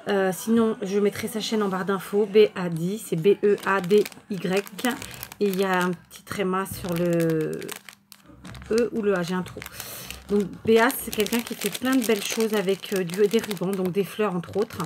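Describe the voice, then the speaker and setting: Her voice here is medium-pitched and steady, at a normal speed, with slight background noise. The crafting YouTuber chats to viewers as she unpacks mail and purchases, warmly thanking people amid lots of fillers and restarts.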